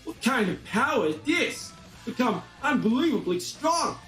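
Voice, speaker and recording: High-pitched stammery alien soldier guy, read by a man, far off and echoey. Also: big pitch swings, fast, sharp tone, full character voice. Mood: indignant. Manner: stammering, breathless. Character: indignant male alien soldier. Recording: roomy distant voice, faint music.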